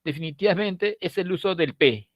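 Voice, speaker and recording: Heard over lo-fi audio with no room sound, this high-pitched middle-aged man from Lima speaks at a moderate pace in Peruvian Spanish. He lectures to a prep-course class in a chatty, joking manner, often finishing lines with a questioning "¿no?".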